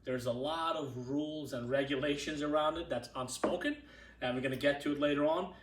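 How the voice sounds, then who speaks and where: A man from Turkey with a Turkish accent, explaining things in relaxed casual chat. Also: fairly high pitch, reverberant, recorded from a distance, a little hiss or hum. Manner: relaxed, explaining, halting restarts. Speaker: guest.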